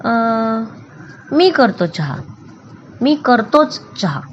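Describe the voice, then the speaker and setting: A woman voicing an eager, literal-minded young male animal in a storybook, reading instructions aloud in a bright sing-song. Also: on the high side, big pitch swings, drawn-out words, highs cut off, slight background noise, full character voice.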